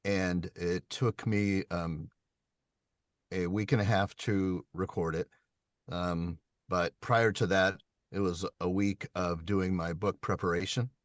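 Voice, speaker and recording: A man who narrates audiobooks answers questions on a video call. He explains things in a measured way with frequent ums. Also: low-pitched, steady tone, dry recording, studio quality.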